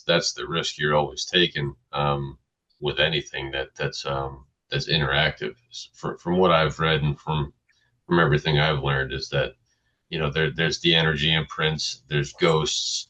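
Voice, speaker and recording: A man's voice: rumbling low, bright, forceful tone. A man co-hosting a paranormal podcast, talking in a hesitant, hedging way with many restarts. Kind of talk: casual chat. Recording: dull lo-fi sound.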